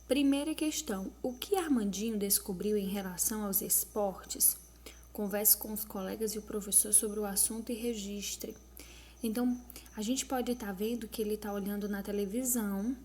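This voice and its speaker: A woman teacher reading out school exercises and explaining the answers slowly, syllable by syllable. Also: medium pitch, darkish tone, a little hiss or hum. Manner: slow, explanatory, spells out syllables.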